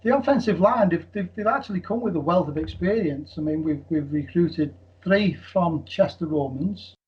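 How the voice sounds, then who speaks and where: A man's voice: on the high side, normal speed. A man answering interview questions about his team, earnest and repeating words as he starts. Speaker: team official. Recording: dull lo-fi sound.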